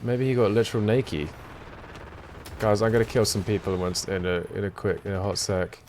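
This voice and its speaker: Brief: weary male streamer, low-voiced, rambling and self-deprecating as he answers chat. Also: level tone, brisk, a little mellow, slight background noise. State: tired. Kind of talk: casual chat reading out viewer questions while gaming.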